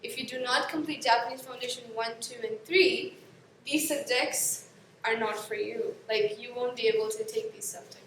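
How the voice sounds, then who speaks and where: Recorded from far off by a camera in an echoey classroom, with slight background noise, a young adult woman from Pakistan whose native language is Urdu guides students through course registration in front of a screen. Her voice is a little high, steady and fairly bright at normal speed, and she chats, gives examples, and frequently self-corrects.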